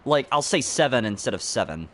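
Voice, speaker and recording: A man's voice: mid-range voice, sing-song, a little fast, fairly bright tone. A young man chatting casually while streaming a video game, rambling from one thought to the next and laughing mid-sentence. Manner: rambling, chatty, jokes and talks to a friend. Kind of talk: casual let's-play commentary.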